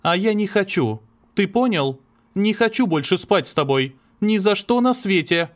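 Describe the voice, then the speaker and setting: A man voicing a cold, tormented young woman, curt and sharp, in an audiobook. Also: sits high, expressive, normal speed, voice pushed up. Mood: cold, bitter. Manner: sharp, curt, breaking into sobs. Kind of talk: audiobook character reading.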